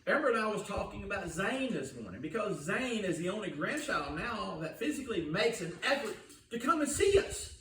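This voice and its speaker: High-voiced preacher, roomy and distant. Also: male voice, big pitch swings, brisk, sharp tone, slight background noise. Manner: folksy storytelling, asks the congregation questions. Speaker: pastor. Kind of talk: sermon. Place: church sanctuary. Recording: roomy church recording from a distance.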